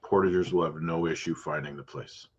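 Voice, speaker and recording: A realtor who hosts a podcast asks casual, rambling questions in an interview, often stopping to rephrase mid-sentence. He is chatty, restarts his questions, and gives quick acknowledgments. His deep voice is steady with a breathy edge, and the sound is lo-fi.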